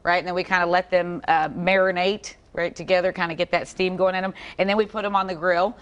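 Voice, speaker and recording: She's a barbecue vendor with a drawl, bantering on a live TV segment in a lowish, easygoing voice. Her talk is sassy and joking as she pushes food on the hosts. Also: flat delivery, quick pace, clean tone, lo-fi sound. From Texas. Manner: sassy, playful, talks with her hands in the food. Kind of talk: casual chat on live TV. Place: outdoors at a festival food stand.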